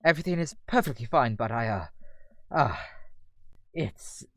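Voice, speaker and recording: A man voicing a formal, gentlemanly dad with a put-on British accent and old-fashioned, courtly phrasing. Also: mid-range voice, lively intonation, normal speed, no room sound, close to an everyday voice. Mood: anxious.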